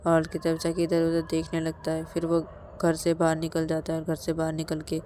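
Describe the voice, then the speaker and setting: A woman's voice: sits low, dark tone, slight background noise. A woman narrating a serialized romance story in a plain, repetitive way. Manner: plain, repetitive linking phrases.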